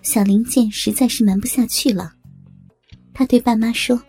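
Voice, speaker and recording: A woman's voice: a little high, steady tone, moderate pace, warm tone, husky. Woman narrating a story over faint music.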